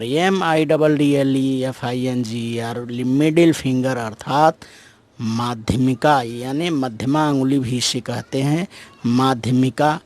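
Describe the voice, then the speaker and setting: A man teaching English body-part words in Hindi. He spells each word letter by letter, then gives its meaning, stressing each new word sharply. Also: medium pitch. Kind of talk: Hindi-medium vocabulary lesson.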